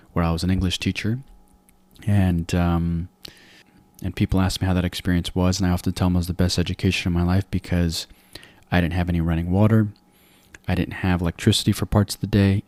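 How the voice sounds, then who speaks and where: A man in his forties from Afghanistan, a podcast guest giving measured, reflective interview answers into a close mic. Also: low voice, darkish tone, no echo.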